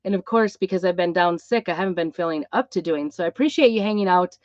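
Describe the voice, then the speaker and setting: A woman's voice: fairly low pitch, quick pace, dry recording. A middle-aged woman who is ill with a cough, chatting casually and ramblingly as host of a live craft stream, with a tin-can sound. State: ill with a cough and plugged ears. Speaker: craft channel host, music teacher. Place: inside an Airstream trailer. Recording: dull, boxy tin-can sound, close and dry.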